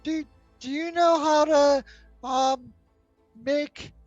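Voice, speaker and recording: A woman playing a tabletop game, casually switching between role-play and narration in a halting, animated way. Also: sits high, no room sound, dull audio. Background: faint music.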